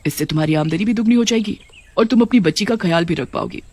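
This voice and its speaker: A woman voicing a calm, regal queen of witches in a cartoon horror story, who speaks graciously and grants favours. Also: mid-range voice, quick pace, natural voice.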